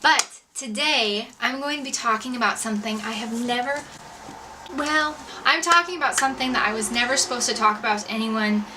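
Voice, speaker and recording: A young adult American woman, a vlogger and singer-songwriter, tells a personal story to the camera in a casual, chatty way. Her voice is a little high and brisk. It's a roomy home video shot indoors on a makeshift setup, with a distant mic and background noise.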